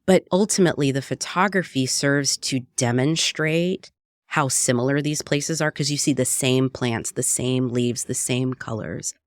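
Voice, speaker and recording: Very deep-voiced and unhurried, this Puerto Rican radio producer and cookbook author gives a conversational interview in an earnest, reflective way, with many "right?" tags. The recording is dry and studio-clean.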